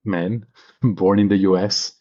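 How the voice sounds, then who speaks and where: A Parisian venture capitalist in his thirties, appearing as a podcast guest, tells personal stories with casual enthusiasm. His deep, dark voice moves slowly with fairly even intonation. The recording is dry and lo-fi.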